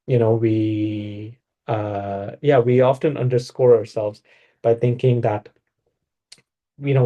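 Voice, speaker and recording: Dark-voiced man explaining with fillers. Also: medium pitch. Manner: hesitant, restarts with fillers. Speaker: discussion presenter. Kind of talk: casual spiritual discussion.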